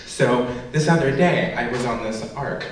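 A young man doing an amateur stand-up monologue on an auditorium stage, with an awkward, halting delivery of corny jokes. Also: mid-range voice. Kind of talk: stand-up comedy monologue at a talent show. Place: large auditorium stage, indoors. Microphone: handheld mic, filmed from far camera. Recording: very echoey hall, distant mic, faint noise.

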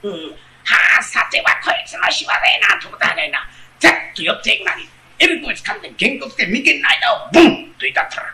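Lively Kansai rakugo storyteller, bright voice. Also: male voice, very high voice, vocal fry, reverberant, low-quality recording. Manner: animated, switches quickly between characters, sharp punchlines. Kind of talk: comic storytelling, playing every part.

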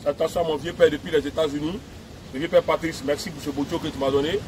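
A man's voice: a little high, fairly even intonation, fast talker, noisy background. A man giving an emphatic, repetitive video message outdoors at a beach. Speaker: music personality addressing fans.

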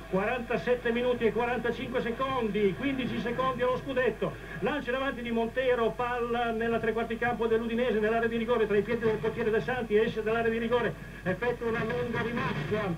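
A male football commentator giving excited, emphatic live radio match commentary. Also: extremely high pitch. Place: football stadium commentary position. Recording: dull, noisy radio broadcast feed.

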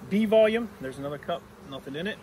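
A man's voice: high voice, lively intonation, fast, a little mellow, a little hiss or hum. A middle-aged man teaching beekeeping, explaining each step in a plain way while he works outdoors. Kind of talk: hands-on teaching demonstration. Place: outdoor apiary on a grassy yard. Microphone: camera mic a few steps away. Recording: distant outdoor camera audio.

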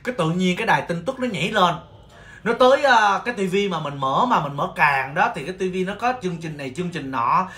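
Fast, bright-voiced Vietnamese man ranting. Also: sits high. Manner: animated, exclaims often, mock-scolding rants. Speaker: livestream host, nail salon owner. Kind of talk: casual storytelling livestream.

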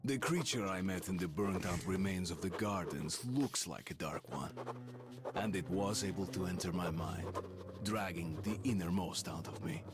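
A man's voice: low-pitched, moderate pace, noisy background, close to an everyday voice. An actor playing a brooding soldier, narrating his journal for a video game in a grave, reflective way. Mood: somber. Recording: music behind narration.

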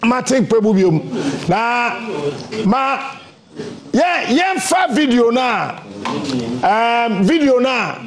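A man's voice: extremely high pitch, slow, crowd noise. A man with a Ghanaian accent hosting a radio morning show, commenting in Twi mixed with English. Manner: animated, switching between languages.

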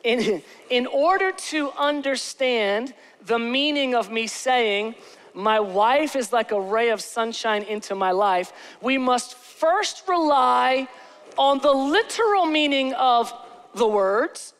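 On a big church stage, a man in his forties delivers a sermon as pastor, joking around and repeatedly checking in with "okay?" His very high-pitched voice is animated and fairly bright, and he slows down to stress important words.

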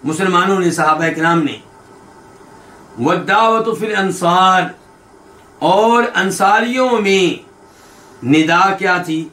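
A high-voiced man gives a hadith lesson, his tone bright and ringing. He keeps asking his listeners quick questions as he explains, and he slows down to recite each quoted line. The recording has a roomy echo. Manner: recites quoted lines slowly, then explains them. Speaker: hadith teacher. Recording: echoey room.

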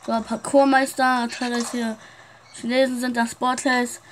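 High-voiced chatty woman gaming. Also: level tone, moderate pace, slight background noise. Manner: chatty, keeps addressing viewers. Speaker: roleplay gamer, shopkeeper in the game. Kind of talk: casual game roleplay with commentary.

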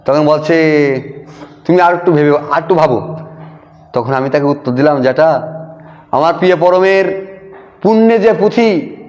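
Man, testimony storytelling, emphatic repetition, somewhat high voice, dull sound, long hall reverb. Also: moderate pace, pauses often. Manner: animated retelling, quotes dialogue with emphatic repetition. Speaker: devotee sharing a testimony.

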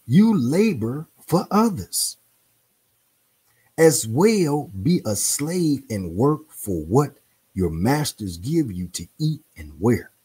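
A male host who reads from a book and riffs on it in loose slang, preachy and playful, repeating himself and exclaiming. His voice is mellow and slightly husky, and he takes his time, with pitch swooping widely. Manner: speaks in informal slang. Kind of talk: reading a book aloud with commentary.

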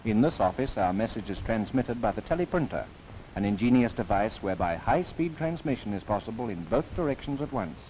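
A documentary narrator with a fairly low voice speaks a little fast in a lively newsreel style that rises and falls, slipping in wry, playful asides. The poor audio comes from an old film soundtrack with a faint hiss beneath it.

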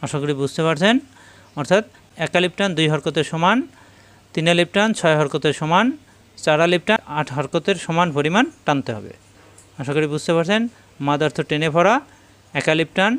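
A man with a Bangladeshi Bengali accent teaching Quran recitation rules step by step, patiently drilling syllables by repeating them slowly. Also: a little high, a bit bright, clean tone. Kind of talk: step-by-step tajweed lesson.

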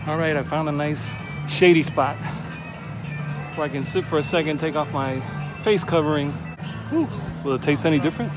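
This outdoor phone video captures a middle-aged man strolling through a theme park, vlogging a casual tour with lots of enthusiasm. He speaks in a fairly high voice at a moderate pace, leaving long pauses. He holds the camera at arm's length, and loud crowd noise and music surround him.

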